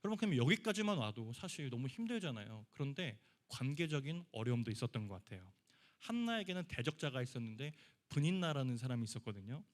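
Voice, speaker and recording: A young man preaching to a church youth group in an easygoing, conversational way. He slips into short acted voices for the people in his stories. His voice sits at an ordinary middle pitch. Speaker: youth pastor. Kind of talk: sermon. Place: church basement hall.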